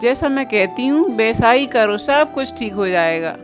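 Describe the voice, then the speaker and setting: A woman playing the consoling spirit of a dead mother who speaks softly and soothingly to her child. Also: fairly high pitch, lively intonation, over music, lightly acted. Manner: soft, slow and soothing.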